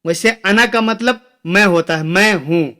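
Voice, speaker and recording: A young man teaching Arabic phrases, saying each one slowly and then repeating it with its meaning. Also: high voice, sharp tone.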